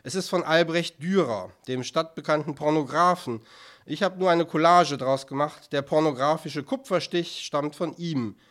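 A man's voice: a little high, moderate pace, fairly bright tone, close to an everyday voice. A man reading an audiobook, voicing a combative, mocking young male artist. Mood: sly. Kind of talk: audiobook character voice.

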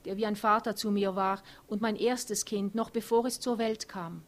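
A woman reading a novel aloud and voicing a young empress, upset and grieving, her lines a bit higher and louder than the narration. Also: steady tone, moderate pace, close to an everyday voice. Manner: agitated, defensive, later mournful.

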